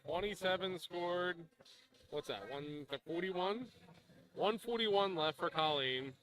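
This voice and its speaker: A man's voice: sits high, slow, rough recording. A man doing casual, informal live darts commentary with some banter between calls.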